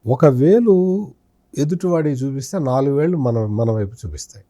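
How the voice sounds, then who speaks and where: A man's voice: mid-range voice, expressive, normal speed, mellow, no room sound, clean studio sound. A man, a senior journalist, giving accusing political commentary in an interview, firing rhetorical questions at an absent politician.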